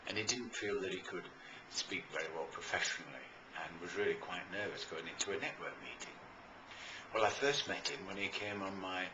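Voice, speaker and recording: Recorded in an echoey room with faint noise in the background, a low-voiced British man pitches his life and business coaching. He's informal and enthusiastic, stressing points emphatically and pausing on purpose.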